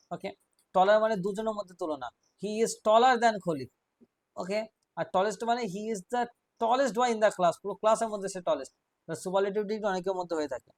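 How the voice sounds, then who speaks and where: A man teaching an English grammar class, explaining rules step by step, quizzing his students and reading example sentences out slowly. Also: high-pitched, no echo.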